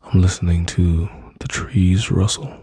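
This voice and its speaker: Man, dark husky voice, intimate soothing whisper-talk, dry close mic. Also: low voice, fairly even intonation, unhurried, no room sound. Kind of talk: soft-spoken ASMR comfort roleplay.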